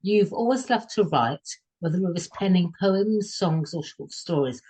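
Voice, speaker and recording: A woman's voice: fairly low pitch, lively intonation, moderate pace, a little mellow, husky. A woman hosting a book podcast, asking questions and encouraging her guest with short replies. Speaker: podcast host. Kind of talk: podcast interview.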